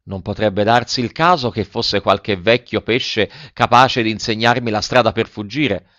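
A man's voice: a little slow, a bit bright, no room sound. A man voicing a frightened, tearful wooden puppet boy with a whiny, pleading manner. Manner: whiny, pleading, high-pitched. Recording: dull, dry audiobook recording.

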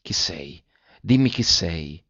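A man's voice: deep voice, huge pitch swings, a little slow, vocal fry, a bit bright, no echo, exaggerated voice. A man reading as an anxious young nobleman. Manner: anxious, urgent questioning. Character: young nobleman, startled and pleading. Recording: dull lo-fi recording.

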